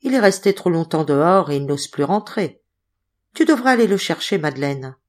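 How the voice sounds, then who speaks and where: A woman reading an audiobook, voicing an older gentleman who speaks in an eager, questioning way. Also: on the low side, lively intonation, moderate pace, lightly acted. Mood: coaxing.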